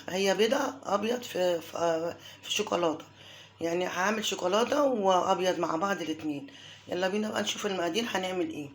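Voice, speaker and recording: Hoarse Egyptian woman cooking host. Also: fairly low pitch, a little hiss or hum. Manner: affectionate, showers viewers with blessings. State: hoarse from a cold. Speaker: home cooking channel host. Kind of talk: casual cooking tutorial.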